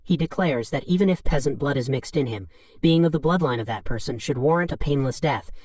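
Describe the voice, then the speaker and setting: A man narrating a story recap in an even, flat reading of third-person summary. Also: mid-range voice, fairly quick, dry recording.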